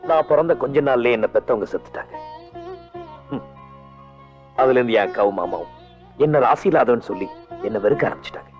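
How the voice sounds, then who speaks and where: An actor playing a quick-witted village man who fibs his way out of trouble in animated film dialogue. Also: medium pitch, lo-fi sound, faint music behind, lightly acted. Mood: reflective.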